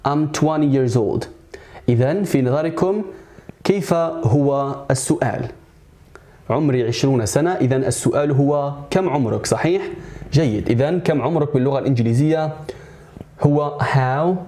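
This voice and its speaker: Arabic-speaking male English teacher, mellow tone, slow careful word-by-word drills. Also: mid-range voice. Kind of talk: whiteboard language lesson.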